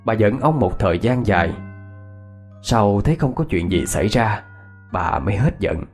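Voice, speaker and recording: A man's voice: lowish voice, lively intonation, normal speed, darkish tone, faint music behind. A man narrating a ghost story in a reminiscing storyteller's cadence.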